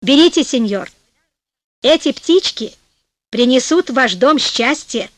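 A woman's voice: high voice, lively intonation, unhurried, dry recording. Lady reading as an old bird seller in a storybook, coaxing, voice swings a lot. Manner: coaxing, salesman-like. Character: old male bird seller, smooth-talking.

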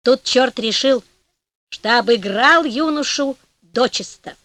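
A woman reading a fairy tale aloud in a playful, expressive storytelling manner. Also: a little high, takes it slowly, no echo.

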